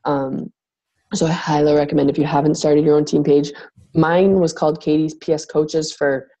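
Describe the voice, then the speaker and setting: A woman with a low, gravelly, husky voice that sounds like she is losing it. She talks casually to her team and rambles with plenty of fillers. Her tone is dark and mellow. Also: flat delivery, moderate pace, low-quality recording. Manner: rambling, filler-heavy, acts out quotes with big pitch jumps. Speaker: team leader of fitness coaches. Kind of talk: casual talk on a team call.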